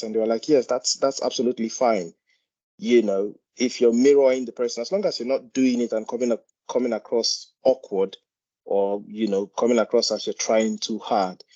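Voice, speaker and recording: A man's voice: fairly low pitch, a little mellow, poor audio. A man with a Nigerian accent contributing to an informal discussion as a doctor, hesitantly repeating words as he explains. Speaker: GP doctor, meeting participant.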